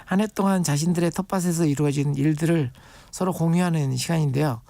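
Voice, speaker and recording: A man's voice: on the high side, fast, gravelly, dark tone, no echo. A man on a radio show, a guest expert on urban farming, explaining patiently with everyday comparisons. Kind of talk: radio interview.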